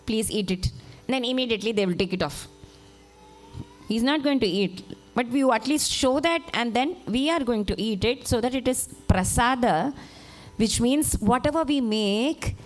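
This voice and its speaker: A woman giving a devotional talk, telling a story and acting out its characters with lively voices. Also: on the high side. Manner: animated, acts out characters in the story. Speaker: spiritual teacher.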